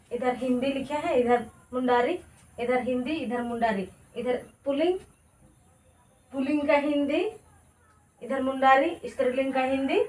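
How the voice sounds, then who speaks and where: A woman teaching a language lesson in a casual, chatty way, repeating each word pair slowly to drill it. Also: sits high, darkish tone.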